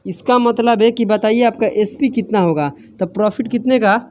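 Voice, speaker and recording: A man's voice: high-pitched, moderate pace, a little mellow. A man teaching a maths class, who keeps asking his students questions and answers them himself. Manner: scolds students for laughing.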